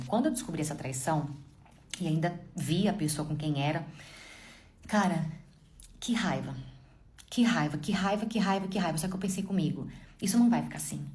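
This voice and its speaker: A young woman with a deep, dark-toned voice tells a dramatic first-person story casually. She speaks straight to her listeners.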